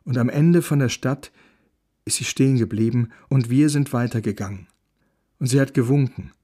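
Gentle, husky male storyteller. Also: mid-range voice, moderate pace. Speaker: audiobook narrator. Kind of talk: storytelling reading of a children's novel.

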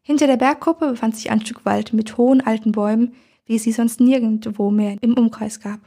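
A woman reading a first-person story aloud in a calm, measured storytelling manner. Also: fairly high pitch. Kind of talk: first-person audiobook narration.

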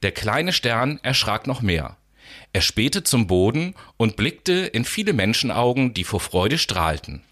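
A man narrates a children's story in a scripted reading. His delivery is expressive, and his mid-range voice rises and falls a lot. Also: medium pitch.

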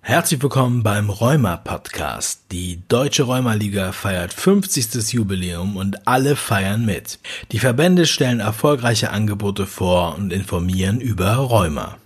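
Male announcer, scripted intro, husky, lowish. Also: animated, a little slow, hardly any pauses. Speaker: podcast announcer.

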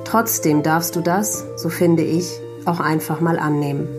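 A woman hosting a podcast, speaking gently and empathetically, in conversation and in a scripted closing. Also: sits low, measured pace, over music. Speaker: podcast host.

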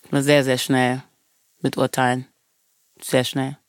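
A woman's voice: rumbling low, completely flat delivery, unhurried, smooth, no echo, studio quality. A woman from Germany, talking as an interview guest in an earnest, passionate way, stressing points by repeating words.

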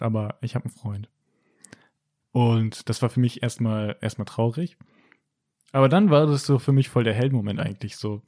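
A young man chatting casually as podcast co-host, acting out quotes with big pitch jumps. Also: dark tone, no room sound, studio quality. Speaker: podcast co-host telling a story. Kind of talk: casual chat.

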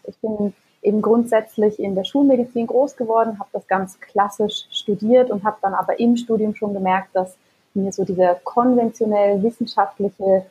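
A woman's voice: mid-range voice, darkish tone, husky, highs cut off. A woman from Germany, a physician and health coach, speaking articulately and enthusiastically as a podcast guest. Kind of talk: conversational interview.

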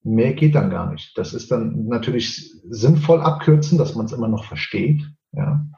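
Animated and warm, with vocal fry, the translator talks about his profession in German at normal speed and medium pitch. His Portuguese accent is clear, and he often ends sentences with "ja." The interview audio is roomy and a bit dull.

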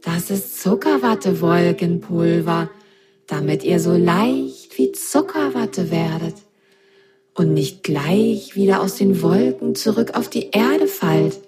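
A woman voicing a calm, helpful talking washing machine that explains things, in a children's story reading. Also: lowish voice, slow, over music. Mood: explaining.

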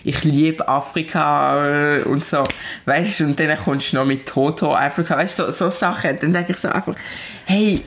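A woman's voice: sits low, brisk, a little hiss or hum. A young woman in her twenties with a Swiss German accent, talking directly and animatedly as a musician guest in a casual chat. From Switzerland. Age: 20s.

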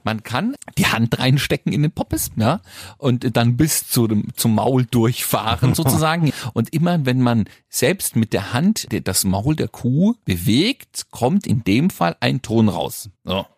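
A man's voice: medium pitch, big pitch swings, a little slow, darkish tone, slightly rough, no room sound, clean studio sound. A man co-hosting a casual chat, making wry jokes and conspiratorial asides. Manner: wry, joking conspiratorial banter. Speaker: podcast co-host.

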